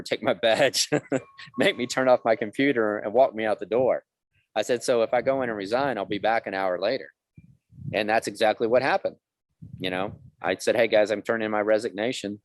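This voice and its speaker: A man in his fifties with a fairly low voice tells his life story candidly as a guest on a conversational podcast, acting out the dialogue of the people in it. The recording has no room sound.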